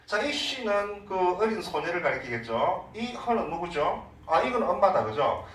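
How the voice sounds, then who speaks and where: A man with a Korean accent teaching an English reading lesson, explaining in Korean and reading English sentences slowly. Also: high-pitched, big pitch swings, fairly bright tone, reverberant, far from the mic, low-quality recording. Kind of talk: online lecture.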